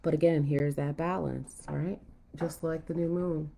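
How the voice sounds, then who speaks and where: Low-voiced woman giving a mystical horoscope reading. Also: fairly even intonation, a little slow, creaky, warm tone, slight background noise. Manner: musing aloud, checking in with "right?". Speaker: tarot reader hosting a forecast. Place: at home, indoors.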